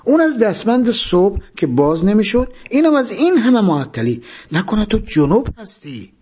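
A man's voice: high-pitched, very animated, a little mellow, slightly rough, voice pushed up, full character voice. A man voicing a suspicious male prison guard who grumbles and scolds, inside a spoken memoir. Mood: grumbling.

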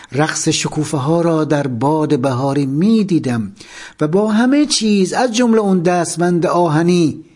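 A man narrating a first-person memoir, expressive, letting his voice sink at the ends of sentences. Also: on the high side.

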